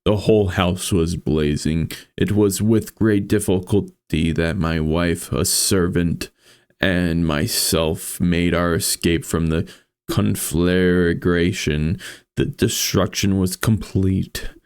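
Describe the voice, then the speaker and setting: A man with a gravelly voice reads a horror story aloud as a streamer, with casual, foul-mouthed commentary. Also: sits low, steady tone, slow, a little mellow, dry recording, studio quality.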